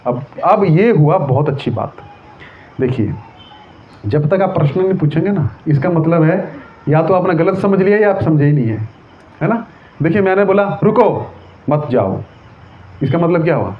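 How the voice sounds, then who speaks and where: A man preaching on scripture in a lively, conversational way, asking many rhetorical questions and checking that his listeners follow. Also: a little high, moderate pace, slight background noise. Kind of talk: sermon on scripture. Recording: tinny phone-like sound.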